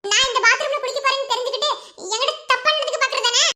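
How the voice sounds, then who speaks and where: A woman voicing a sharp-tongued young woman in a cartoon, with a Madurai Tamil accent and a mocking, accusing way of talking. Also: very high voice, full character voice. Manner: mocking, accusing, quick retorts. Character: sharp-tongued young woman, the sister-in-law who stirs trouble.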